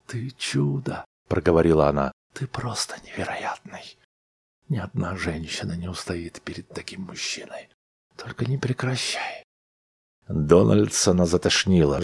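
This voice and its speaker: A man narrating an audiobook in a low, even, measured reading. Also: husky, no echo.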